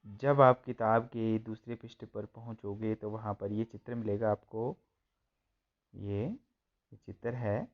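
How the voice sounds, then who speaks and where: A man's voice: on the low side, level tone, measured pace, highs cut off. A man teaching a school textbook lesson, reading each line and then translating and repeating it.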